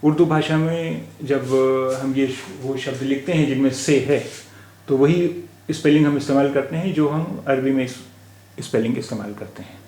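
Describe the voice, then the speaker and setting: A man teaching letters and words in a slow spoken lesson, patiently repeating each sound aloud, with an Indian Hindi-Urdu accent. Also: mid-range voice, dark tone. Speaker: language teacher. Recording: echoey room recording.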